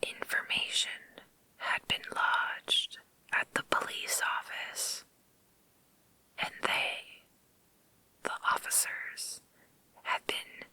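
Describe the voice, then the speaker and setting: A woman reading a story in a creepy, breathy ASMR whisper, slow and deliberate, close to the microphone. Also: bright, forceful tone, rough recording.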